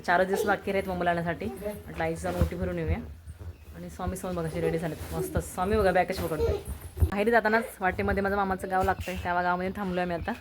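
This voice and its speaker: A woman's voice: fairly low pitch, steady tone, fast talker. Chatty woman vlogging on a noisy phone. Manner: chatty, talks to camera and to her little son. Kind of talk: casual family vlog narration. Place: outdoors at a rural farmhouse. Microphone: handheld phone camera. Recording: noisy outdoor phone recording.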